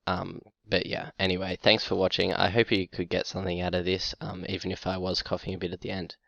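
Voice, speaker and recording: Sick man with a low, gravelly, flat voice. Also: dry recording, lo-fi sound. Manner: halting, many ums and uhs. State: sick, short of breath, coughing. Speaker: fantasy football YouTuber. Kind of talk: casual talk to camera.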